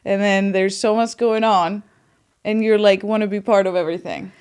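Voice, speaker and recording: A woman's voice: medium pitch, steady tone, normal speed, darkish tone, clear, resonant tone. A woman hosting a podcast, upbeat and eager, talking casually with lots of "yeah" and "like". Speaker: podcast host.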